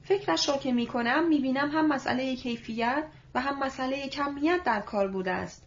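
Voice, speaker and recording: A woman reading as a polite, curious young man. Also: high-pitched. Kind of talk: audiobook reading. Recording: dull lo-fi recording.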